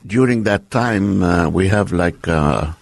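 Older Lebanese-born man, deep voice, dry sound, plain unhurried guest. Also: gravelly, no echo. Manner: plain, unhurried, with short agreeing replies. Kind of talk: casual interview chat.

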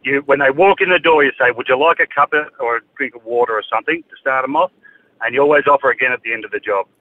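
Australian male caller, quick casual talker, narrow phone audio. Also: medium pitch. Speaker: radio caller, tradesman. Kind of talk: casual chat.

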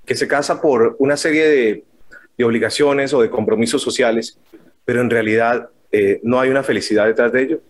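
Male interviewer, mid pitch, thoughtful and hesitant, conversational questions. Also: brisk, a little hiss or hum.

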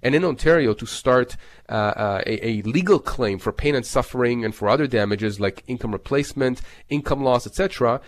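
A man with a mid-range voice speaks as a legal expert on a talk show. He explains step by step, leaning on important points and restating them so they are clear. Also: medium pitch, a little fast. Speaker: lawyer, expert guest on a legal advice show.

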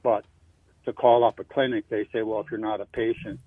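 An older man calling in to a radio show over the phone, asking his question in an earnest, rambling way with halting restarts. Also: fairly low pitch, flat delivery, breathy edge, no echo. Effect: heard over a phone line. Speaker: caller. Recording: tinny dry phone line.

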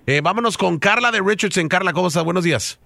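A man's voice: high-pitched, animated, fast talker, creaky, sharp tone, dry recording. A man hosting a radio morning show, talkative, joking and full of slang. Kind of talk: lively radio banter. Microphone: studio mic.

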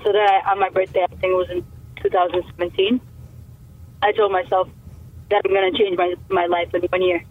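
Over a tinny phone connection, a young woman from Canada who makes music rambles through a casual interview, restarting often and filling gaps. She speaks briskly in a lowish voice that barely moves in pitch.

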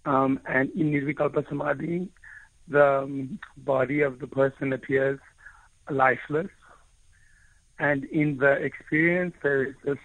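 An author from South Africa whose first language is Afrikaans appears as a guest and earnestly tells his own story, often restarting phrases while searching for words. His medium-pitched voice has vocal fry. The line is tinny and phone-like, with no room sound.

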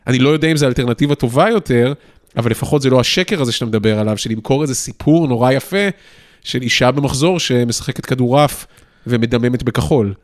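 Guy hosting a chatty interview show, clear and organized, normal pitch. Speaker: podcast host. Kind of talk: casual interview chat.

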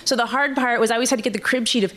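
A woman telling a personal story live on stage, nervous and halting, often restarting her sentences. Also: a little high, fairly even intonation, a bit bright.

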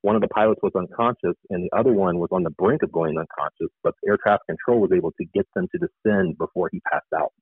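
This author and air traffic controller has a deep, husky voice and talks fast with hardly any pauses. A guest in a radio interview, he gives informal, explanatory answers and often rephrases, heard with no echo over a narrow, phone-like line.

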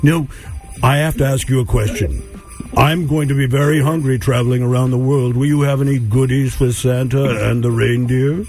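A man playing a jolly, kindly old Santa Claus, chatting with children on a radio call-in with hearty ho-ho-hos and gentle questions. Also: medium pitch, steady tone, moderate pace, soft background music, lightly acted.

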